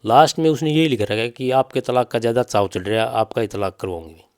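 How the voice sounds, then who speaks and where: A fast-talking man with a mid-range voice, a middle-aged, Haryanvi-accented father who has suffered a loss, gives testimony during an interview. He is insistent, repetitive, and recounts what people said.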